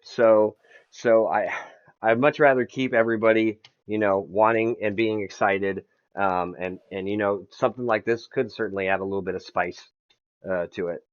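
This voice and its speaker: A man's voice: on the low side, steady tone, normal speed. Guy running a fantasy league on a podcast, rambles and swears a lot, bit muffled lo-fi sound. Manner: rambling, swears freely, repeats words. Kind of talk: casual podcast chat.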